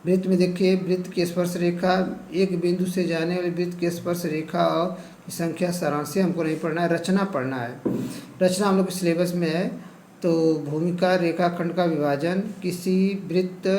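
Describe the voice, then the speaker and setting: A man's voice: high-pitched, fairly even intonation, normal speed, a little mellow, roomy sound, slight background noise, rough recording. A male teacher with an eastern Uttar Pradesh Hindi accent who goes over a syllabus topic by topic and keeps saying "ठीक है". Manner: repeats "ठीक है", lists topics one by one. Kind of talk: lesson going over a syllabus.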